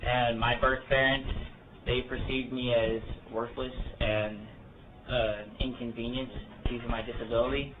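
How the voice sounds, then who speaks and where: A man with a cold delivers earnest public testimony, his pitch held flat and even. He sits well back from the microphone, and the sound comes through thin and phone-like with a faint hiss. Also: unhurried, distant mic. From South Korea. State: has a cold. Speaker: citizen testifying.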